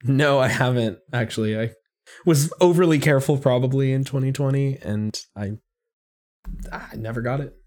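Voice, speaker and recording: A man's voice: mid-range voice, normal speed, a little mellow. A man co-hosting a podcast, explaining technical things in a casual, conversational, somewhat hedging way. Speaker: podcast co-host.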